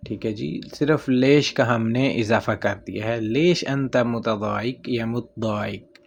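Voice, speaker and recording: A man's voice: mid-range voice, lo-fi sound. Male teacher, mid-range voice, patient and repetitive, slight room hiss. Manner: slows right down to model each phrase, repeats "theek hai ji" often. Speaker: Arabic teacher. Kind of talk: casual spoken-language lesson.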